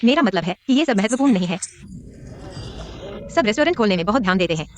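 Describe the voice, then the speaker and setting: Brisk, bossy young woman, dubbed by an actress. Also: mid-range voice, lively intonation, close to an everyday voice. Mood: businesslike. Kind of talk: Hindi dub of a TV drama.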